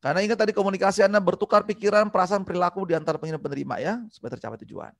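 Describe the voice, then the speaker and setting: Man with a fairly high voice, lecturing. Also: racing, gravelly, no room sound, studio quality. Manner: energetic, acts out customer replies. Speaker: business communication trainer. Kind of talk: online training lecture.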